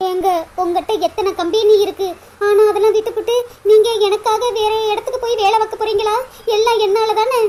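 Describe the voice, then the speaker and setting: A woman voicing Priya, a young cartoon wife who is soft-spoken and apologetic, with a Tirunelveli Tamil accent. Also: extremely high pitch, steady tone, brisk, a little hiss or hum. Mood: remorseful.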